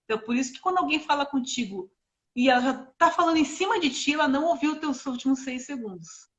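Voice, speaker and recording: A middle-aged woman co-hosting a parenting live stream, explaining ideas in an animated, casual way with many examples and asides. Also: high voice, quick pace, highs cut off.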